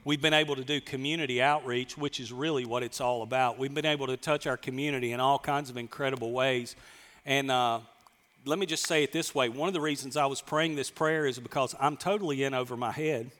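A man's voice: medium pitch, fairly even intonation, brisk, fairly bright tone. Folksy pastor in his fifties, reverberant hall. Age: 50s. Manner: folksy and self-deprecating, jokes with the congregation. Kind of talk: conversational sermon. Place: church sanctuary.

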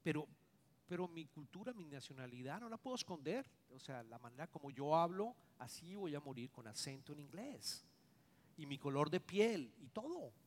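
A middle-aged man preaching a sermon as pastor, earnest and confessional, swinging between loud stressed words and hushed asides. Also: a little high, big pitch swings, moderate pace, in a large hall.

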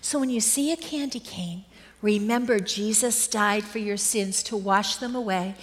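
Slow, gentle woman talking to children. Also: medium pitch. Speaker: children's message leader. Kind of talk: children's message in a church service. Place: church sanctuary. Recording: long church reverb.

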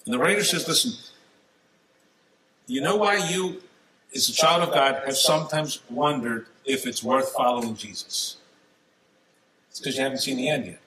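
A man preaching a sermon in a church, talking to the congregation in a conversational way, with sudden emphatic rises and soft, quiet drops. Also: on the high side, slight background noise, low-quality recording.

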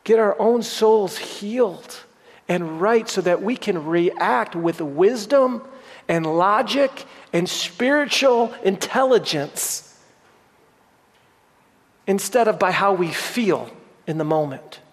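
High-voiced pastor preaching in a reverberant hall. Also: male voice, expressive, takes it slowly. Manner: earnest preaching, repeats phrases for emphasis. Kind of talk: sermon.

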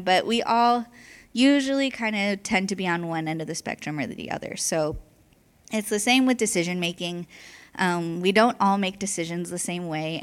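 Breathless young woman giving a casual talk. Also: mid-range voice. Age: young adult. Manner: informal, with frequent "like" and "right?" check-ins. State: slightly out of breath from speaking while pregnant. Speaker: church speaker. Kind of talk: casual conversational sermon.

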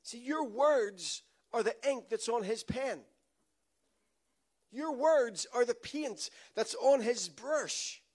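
A man's voice: very high voice, animated, slow, a little mellow. A man preaching a sermon with emphatic, repetitive phrasing and calls to the congregation. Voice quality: emphatic preaching with repeated phrases and call-and-response. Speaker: pastor.

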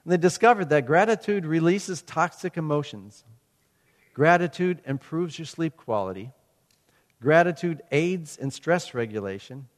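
A man's voice: a little high, animated, normal speed. A middle-aged man preaching a sermon, talking conversationally and telling stories with quoted asides. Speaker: pastor. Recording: long hall reverb.

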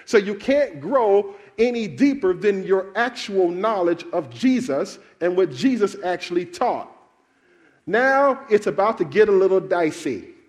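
Guy preaching, high voice swinging all over, keeps quizzing the crowd. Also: a little slow. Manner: animated, calls out questions to the congregation. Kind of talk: sermon.

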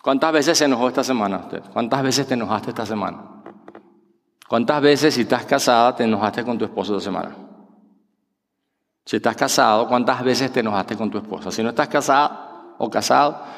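A man's voice: a little fast, fairly bright tone. A middle-aged male pastor preaching a sermon, peppering the congregation with rhetorical questions and acting out quoted voices. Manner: acts out quoted voices with sudden pitch jumps. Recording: long hall reverb.

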